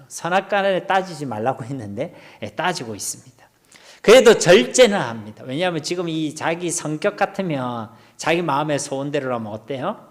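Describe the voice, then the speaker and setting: A middle-aged male pastor with a Gyeongsang Korean accent, preaching an expository sermon in a church hall. He asks the congregation questions and drops to near-whispers. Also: on the high side.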